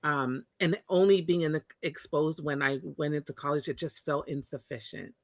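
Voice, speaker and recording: Recorded in studio quality with no room sound, a Tongan woman shares her personal story as an interview guest. She speaks at normal speed in a low voice, reflective and candid, with frequent restarts and self-corrections.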